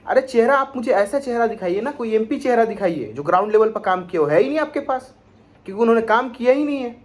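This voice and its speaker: A young man with a noticeably high voice vents about politics in a vlog, speaking. He is indignant and sarcastic and keeps firing rhetorical questions at his target. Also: expressive, fast. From Bihar, India. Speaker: political commentator vlogger. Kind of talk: opinionated political rant.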